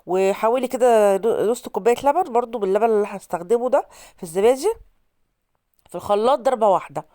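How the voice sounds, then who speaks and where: A cooking channel host from Alexandria with an Egyptian Arabic accent chats through a casual vlog while stuffed up from a cold, repeating herself to viewers. Her voice is fairly high, quick, and mellow, recorded in clean studio sound with no echo.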